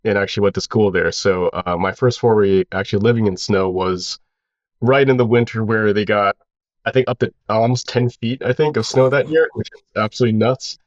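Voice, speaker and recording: Low-voiced man telling his story. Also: fairly quick, no echo, highs cut off. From Hawaii. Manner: relaxed and rambling, with many "you know" fillers. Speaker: founder of a clothing brand, guest. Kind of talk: casual interview storytelling.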